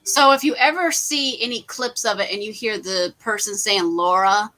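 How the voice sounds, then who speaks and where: A woman's voice: fairly high pitch, expressive, normal speed, bright, forceful tone, poor audio. A woman hosting a casual livestream watch party, chatting animatedly and laughing often. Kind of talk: casual group chat on a livestream.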